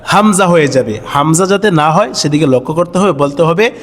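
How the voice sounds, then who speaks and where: A man teaching Arabic letter sounds to viewers, drawing out each syllable in a half-sung recitation and explaining briskly between drills. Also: on the high side, animated, in a large hall. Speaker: Quran reading teacher.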